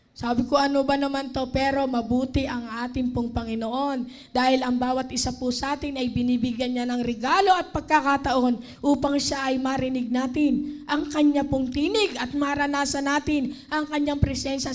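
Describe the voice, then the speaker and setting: High-voiced Filipino woman preaching. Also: steady tone, moderate pace. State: tired, strained voice. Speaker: lay preacher. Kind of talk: sermon. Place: church.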